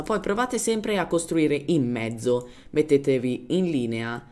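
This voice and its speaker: A man's voice: medium pitch, darkish tone. Man giving casual game tutorial commentary. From Germany. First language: German. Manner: informal, searches for words in Italian, drops in English terms. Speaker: gaming tutorial host.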